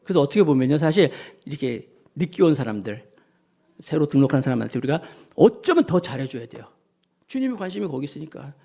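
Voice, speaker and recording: A man preaching a Sunday sermon as the pastor of his church, animated, acting out the voices of the people in his stories. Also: on the high side, fast talker, vocal fry.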